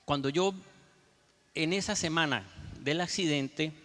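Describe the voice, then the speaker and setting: A male pastor preaching a story-driven sermon straight to his congregation. His voice sits high and comes across bright and forceful. The sound rings with a long hall reverb. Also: unhurried. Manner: storytelling, addresses the congregation as brothers.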